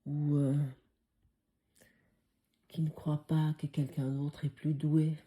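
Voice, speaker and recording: A low-voiced woman with a foreign accent carrying a Swiss tinge gives a reflective spiritual lesson. She speaks slowly and hesitantly, filling pauses as she muses. Her tone is very dark and mellow. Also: little pitch movement. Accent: foreign French accent with Swiss tinge. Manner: hesitant, many fillers, musing. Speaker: spiritual course teacher.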